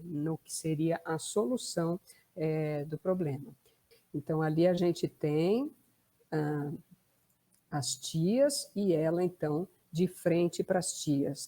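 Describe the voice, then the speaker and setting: A woman's voice: on the low side, mellow. A woman with a Brazilian Portuguese accent, a family constellation therapist explaining a case in a conversational way. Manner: conversational, tag questions. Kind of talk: explanatory talk.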